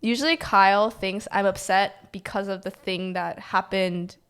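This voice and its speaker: A woman's voice: mid-range voice, steady tone, measured pace, smooth. A young adult woman talking as a podcast guest in a rambling, casual way, filling her sentences with "like". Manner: rambling, heavy use of "like". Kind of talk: casual chat.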